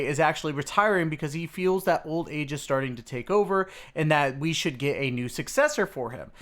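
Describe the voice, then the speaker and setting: A video host with a fairly bright, higher-than-average male voice recaps a game's story for his viewers. He keeps it casual and informal, calling his audience "dudes" and "guys."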